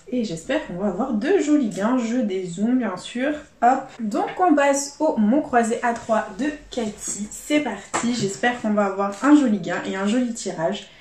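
A woman's voice: a little high, darkish tone, reverberant, slight background noise. A woman casually commenting as she scratches lottery tickets, chatty with her viewers and spelling out letters one by one. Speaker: YouTube scratch-card vlogger.

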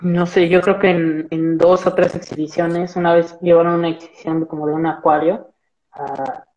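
A young adult man from central Mexico, speaking with a Mexican Spanish accent, chats as a marine biologist guest in a casual video-call interview from a small indoor room with a plain wall. His voice is a little high and his speed normal, and he rambles in a relaxed way with many fillers. Audio from the laptop mic is poor.

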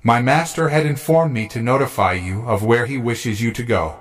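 A man's voice: mid-range voice, moderate pace, lightly acted. A man voicing a male villain's servant speaking on the phone, cool and formally courteous.

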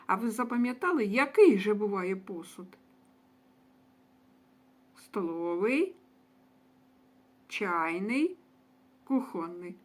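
Affectionate woman wrapping up a children's lesson. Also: on the high side. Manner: affectionate, addresses children as dear ones. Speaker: preschool teacher. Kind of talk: lesson wrap-up for young children.

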